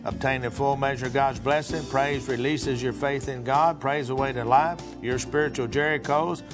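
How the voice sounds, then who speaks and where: A man co-hosting a radio show, chatting casually and haltingly about a product. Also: medium pitch, fairly even intonation. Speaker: radio co-host and preacher. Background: music.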